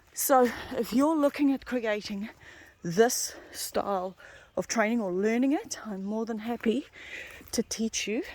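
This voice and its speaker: A woman's voice: mid-range voice, a little mellow. Nz lady dog trainer talking while out walking in the bush, casual and explainy. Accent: New Zealand. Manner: chatty, explanatory. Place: outdoors in native bush on a walk.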